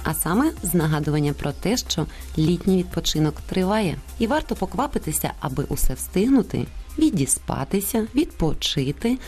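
A woman co-hosting a radio program, reading scripted banter in a playful, lively way. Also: fairly low pitch, normal speed, faint music behind. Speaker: radio co-host.

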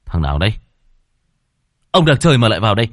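An arrogant, dissolute young master, as a male storyteller puts him on, lazy and curt in a lowered voice. He barks short dismissive phrases, heard close and dry. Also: very animated, fast talker, no echo.

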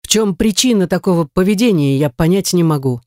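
A reader voicing a hot-tempered, pushy young man with a lower, blunt and insistent delivery, in an audiobook. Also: animated, fairly quick, darkish tone, dry recording, studio quality. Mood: heated. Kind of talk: audiobook character voice.

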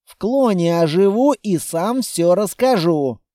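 Man reading curt squad leader, clipped, brusque, cold, high for a man, unhurried, audiobook. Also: lively intonation, mellow, no room sound, clean studio sound.

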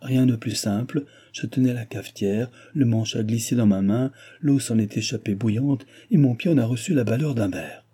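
A man's voice: medium pitch, moderate pace, few pauses, warm tone, slightly rough, natural voice. A man voicing a stiff, guarded old noblewoman who complains of her misfortune.

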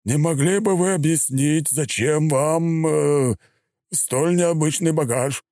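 A man's voice: a little high, takes it slowly, dry recording, studio quality, pitched above the performer's own voice. A man playing a flustered, nervous major. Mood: strained polite. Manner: strained, stammering, trying to keep calm. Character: nervous flustered middle-aged male border major.

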